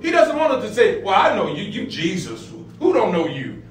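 High-voiced preacher in an echoey room. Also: male voice, very animated, normal speed. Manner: repeats phrases, builds to emphatic peaks. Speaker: pastor. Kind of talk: sermon-style Bible lesson. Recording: roomy, distant echo with faint music.

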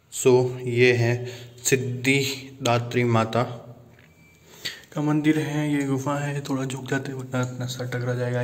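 A man vlogging as he walks through a man-made underground temple cave, often exclaiming and mixing English into his Hindi, recorded on a handheld phone. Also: mid-range voice. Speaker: travel vlogger. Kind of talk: walking tour vlog narration.

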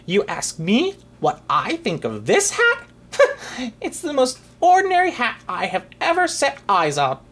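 A storyteller voicing a pompous male royal hatmaker, boastful and sneering, with a breathy high voice. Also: huge pitch swings, a bit bright, heavily acted. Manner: boastful, sneering, drawn-out words.

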